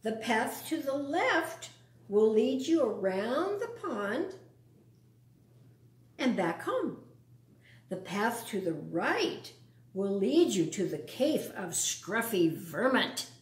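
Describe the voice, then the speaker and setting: A woman voicing cautious rabbit parents who give a slow, emphatic warning. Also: fairly high pitch, sing-song, recorded from a distance. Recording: echoey room.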